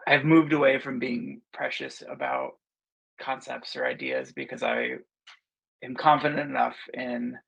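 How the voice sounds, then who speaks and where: Gravelly, husky man thinking aloud. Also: mid-range voice, fairly bright tone, lo-fi sound. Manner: thoughtful, halting, many fillers. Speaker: guest comic book writer. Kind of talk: casual podcast interview talk.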